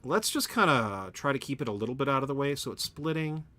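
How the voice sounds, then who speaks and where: A man's voice: mid-range voice, animated, fast talker, sharp tone. A man live-streaming a factory-building game, rambling as he builds and chatting with viewers. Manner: rambling, talks to chat while building. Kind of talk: casual live-stream chat while playing.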